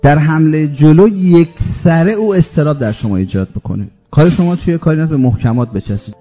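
A man preaching a religious sermon. He tells stories and swings from low, slow reflection to loud, emphatic peaks. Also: lively intonation, lo-fi sound, soft background music.

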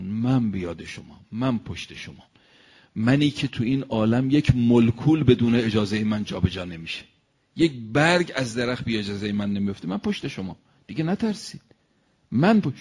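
A man delivering an animated sermon, telling a story and speaking directly to his listeners. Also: vocal fry, breathy edge. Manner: animated, rises and falls in pitch and loudness. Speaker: preacher.

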